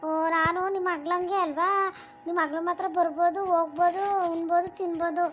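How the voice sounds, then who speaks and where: A woman voicing a tired young daughter-in-law in a cartoon, exasperated and sharp as she complains about her chores. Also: very high voice, fairly even intonation, brisk, muffled recording, faint music behind. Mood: resentful. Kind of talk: cartoon voice acting.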